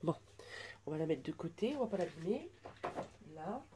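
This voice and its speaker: A woman in her twenties chatting through an unboxing at home, gushing with soft exclamations. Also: low voice, sing-song, moderate pace, a little hiss or hum. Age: 20s. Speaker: vlogger unboxing a birthday gift. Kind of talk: casual unboxing chat.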